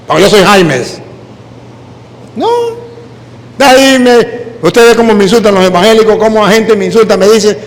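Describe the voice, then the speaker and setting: A Venezuelan man, a priest, preaching a sermon full of lively personal stories in which he mimics the people he quotes. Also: high-pitched, in a large hall. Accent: Venezuelan Spanish.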